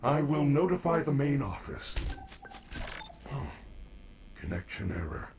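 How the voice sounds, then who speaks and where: A man voicing a gentle, polite male animatronic bear robot in a video game, speaking in a calm, formal, caring way. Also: medium pitch, unhurried, creaky, noisy background. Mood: gentle robotic. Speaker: game character.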